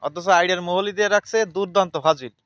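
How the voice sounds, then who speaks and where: A man's voice: sits high, very fast, fairly bright tone, clear, resonant tone, dry recording. Male vlogger, chatty and repetitive, on lo-fi phone audio. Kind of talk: casual vlog narration. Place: outdoors with a cow.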